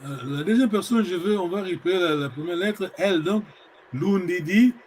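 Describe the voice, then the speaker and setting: A man with a high, light voice leads a language lesson. He explains grammar rules slowly, stopping often to hesitate and stretching out his words as he goes. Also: darkish tone, a little hiss or hum. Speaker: language teacher.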